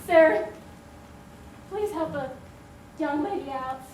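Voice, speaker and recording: A woman playing a young film noir dame who pleads for help, halting over her words in improvised comedy. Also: sits high, a little mellow. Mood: pleading. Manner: halting, choosing each word. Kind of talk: improvised stage comedy scene. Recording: distant echoey room, faint noise.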